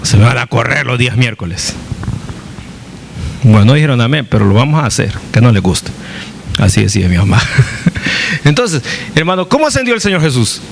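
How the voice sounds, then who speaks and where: A man's voice: mid-range voice, big pitch swings, fairly quick, creaky, pauses often, slight background noise. A male pastor teaching a Bible study, who asks his congregation questions, answers them himself, jokes and acts out quoted voices.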